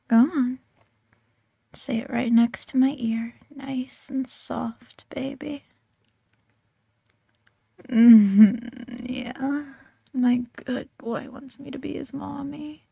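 Slow, breathy whispering woman. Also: sits high, fairly even intonation, mellow, no echo, studio quality. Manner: teasing, coaxing, mostly whispered. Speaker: audio roleplay performer. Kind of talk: whispered ASMR roleplay.

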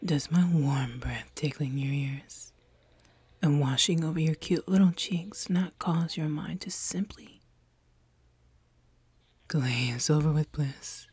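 A woman's voice: low-pitched, slow pace, long pauses, darkish tone, slightly rough, exaggerated voice. A woman playing a possessive, seductive female alien in an audio roleplay, teasing and commanding in a whispery voice.

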